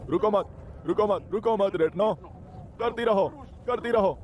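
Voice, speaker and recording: A man's voice: high-pitched, measured pace, noisy background. An actor dubbing a male ritual leader who chants prayers and urges others on insistently. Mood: urging. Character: male ritual leader urging on a dying rite. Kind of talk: Hindi film dub.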